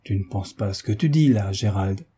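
Male reader as a loyal young friend, calm and firm, husky tone. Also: on the low side, normal speed. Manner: firm, reassuring.

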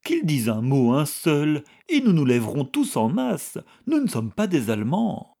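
A man doing a gravelly old count. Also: fairly high pitch, wildly swooping pitch, normal speed, warm tone, full character voice. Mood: fervent. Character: old emotional patriotic count, a father. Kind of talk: audiobook dialogue reading.

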